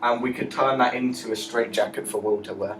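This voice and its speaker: Student steering a group meeting. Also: male voice, medium pitch, fairly even intonation, brisk. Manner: directive, keeps steering the talk. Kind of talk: casual group discussion. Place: school classroom. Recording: roomy classroom with background noise.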